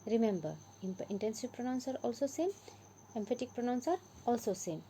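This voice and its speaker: A woman's voice: a little high, animated, fairly quick, dark tone, slight background noise, rough recording. A woman with an Indian English accent teaching a grammar lesson, patiently repeating and stressing example words.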